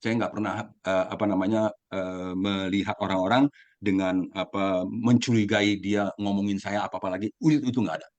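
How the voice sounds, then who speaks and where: Low-ish guy sharing his story, laughs a lot, pokes fun at himself. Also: flat delivery, a little fast, a little mellow. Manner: candid, self-deprecating, laughs often. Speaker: sharing participant. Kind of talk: casual Buddhist sharing.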